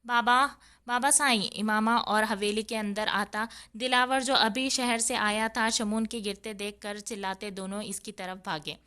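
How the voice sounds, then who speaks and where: Smooth-voiced woman narrating a novel. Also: medium pitch, few pauses. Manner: steady dramatic storytelling. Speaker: audiobook narrator. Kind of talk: novel read-aloud.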